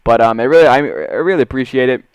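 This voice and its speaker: A young man with a clear, mid-pitched voice recorded close and dry. He talks like a slangy gamer bro over his gameplay, casual and sweary, moving between low mutters and hyped bursts. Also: rapid-fire, no echo. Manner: slangy gamer bro talk, full of "dude" and "bro"; swings between muttering and excited shouts. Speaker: gaming video creator. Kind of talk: casual, profane video game commentary.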